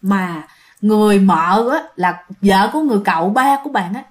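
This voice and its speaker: A woman narrating a ghost story, animated and talking directly to her listeners. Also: medium pitch, moderate pace.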